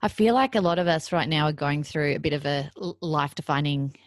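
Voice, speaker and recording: A woman's voice: low-pitched, fairly quick, dry recording, studio quality. A woman hosting a podcast interview, affirming and reflective as she asks questions. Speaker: podcast host.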